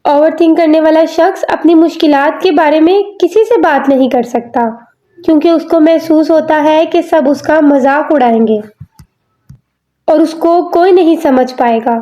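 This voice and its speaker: A woman hosting a channel, giving a scripted explanation in a measured, earnest way and building her points in repeated lists. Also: sits high, dark tone, lo-fi sound. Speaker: channel host explaining psychology.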